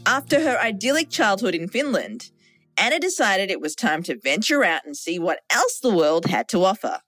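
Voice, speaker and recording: A woman's voice: mid-range voice, very animated, normal speed, a bit bright, no echo, faint music behind. A woman hosting a podcast, reading scripted narration that introduces her guest. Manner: scripted narration with asides and light laughter. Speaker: podcast host.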